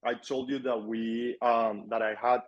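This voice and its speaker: A man's voice: mid-range voice, unhurried, lo-fi sound. Young Colombian man chatting casually. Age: young adult. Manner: relaxed, repeats words for emphasis. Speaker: guest, agency owner. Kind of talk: casual interview chat.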